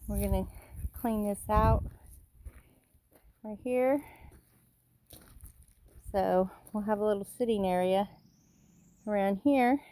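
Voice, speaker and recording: A chatty woman walks through her yard, pointing out plants in a casual, meandering way. She sounds a little out of breath from the walk, with a voice of ordinary pitch. It is recorded outdoors on a handheld phone. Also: takes it slowly, pauses often, dark tone. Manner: chatty, pointing things out while walking outdoors. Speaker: vlogger giving a garden tour. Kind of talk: casual walking garden tour.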